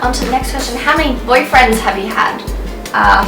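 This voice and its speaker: A woman's voice: high voice, fairly quick. Chatty Australian woman in her twenties. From northern New South Wales, Australia. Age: 20s. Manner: chatty, full of "like" fillers. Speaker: co-host. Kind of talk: casual chat. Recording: roomy sound, mic at a distance, music under.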